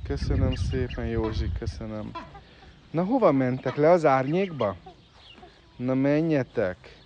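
A man's voice: medium pitch, animated, highs cut off. Man coaxing farm animals outdoors. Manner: coaxing, calling out loudly to animals. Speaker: farm animal keeper live-streaming. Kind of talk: casual live stream chatter with animals. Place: outdoors in a farmyard. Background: birds and chickens.

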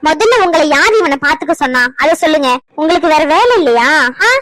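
A woman's voice: sits high, animated, a little fast, fairly bright tone, no room sound, poor audio. A woman voicing a stern young mother in a cartoon, scolding with repeated demanding questions. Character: stern young mother who also plays a timid nurse. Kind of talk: cartoon voice acting.

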